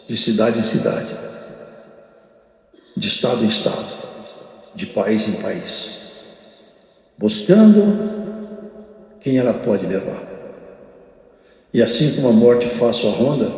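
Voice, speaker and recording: Gravelly older Brazilian preacher in echoey hall. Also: male voice, on the low side, a little mellow. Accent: Brazilian Portuguese. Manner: emphatic, repetitive, with sudden rises and drawn-out phrases. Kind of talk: sermon. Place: large church hall. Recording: echoey church hall with long reverb.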